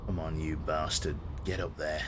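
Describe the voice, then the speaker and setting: A man's voice: rumbling low, little pitch movement, moderate pace, noisy background. A man giving gameplay commentary and spoken commands, muttering to himself and swearing. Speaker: gamer commentating on own play.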